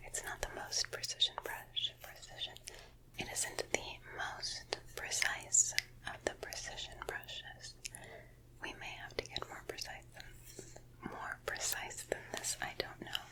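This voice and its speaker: Whispering close to a binaural mic, a woman role-plays a painter soothingly guiding a sitter, her gentle voice right in the listener's ear. Unhurried, she lingers on and repeats words, and the recording is rough.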